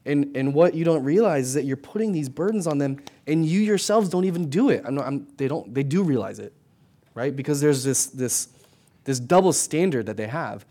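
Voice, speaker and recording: A man's voice: a little high, expressive, brisk, mellow. A middle-aged man, a pastor, preaching a sermon in a conversational way, often adding "right?" and restarting his words. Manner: conversational preaching with frequent tag questions.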